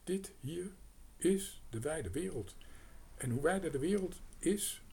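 A spirited young girl from a storybook, voiced by a man reading aloud. Her husky voice is pushed up high and leaps about, and she speaks up sharply to protect her pets. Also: slow, heavily acted. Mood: lively. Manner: lively, protective.

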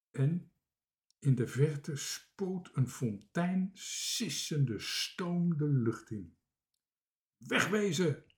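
Male reader for a children's story, slow, warm-toned delivery. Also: medium pitch. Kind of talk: reading a children's book aloud.

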